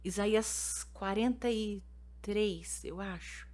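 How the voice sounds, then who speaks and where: A woman's voice: medium pitch, slow. A woman pastor with a Brazilian Portuguese accent, a mother, talking casually on a podcast and explaining through stories she retells. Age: adult mother. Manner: earnest, explains with lively retold anecdotes. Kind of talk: casual podcast conversation with storytelling.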